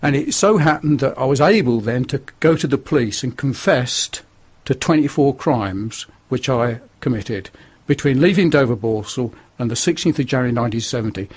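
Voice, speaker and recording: A man's voice: medium pitch, expressive, moderate pace, few pauses, husky. An older man with a northern English accent, telling his life story earnestly as a radio guest. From northern England. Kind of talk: testimony in a radio interview.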